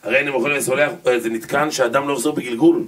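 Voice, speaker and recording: A man's voice: medium pitch, steady tone, fairly bright tone. A man, a rabbi, giving a humorous Torah lecture and acting out little scenes and voices as he goes. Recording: distant mic with noticeable noise.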